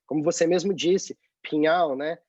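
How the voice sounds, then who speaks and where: A man's voice: on the high side, moderate pace, no room sound. Chatty Brazilian man on a dull call. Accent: Brazilian Portuguese. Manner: chatty, tag questions, animated. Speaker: guest, journalist abroad. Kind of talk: casual interview over video call. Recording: dry, dull lo-fi call audio.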